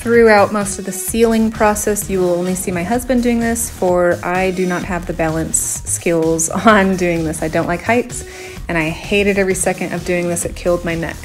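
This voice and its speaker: A chatty woman in her thirties talks through her home renovation in a casual vlog voice-over. She is blunt and relaxed, often filling pauses with "um". Faint music plays underneath. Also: on the low side. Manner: chatty, blunt, with frequent "um" fillers.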